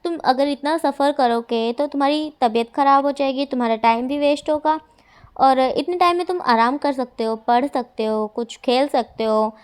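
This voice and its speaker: Gentle coaxing mom, read by a woman. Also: high voice, moderate pace, close to an everyday voice. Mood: gentle firm. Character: caring mother, gently stern.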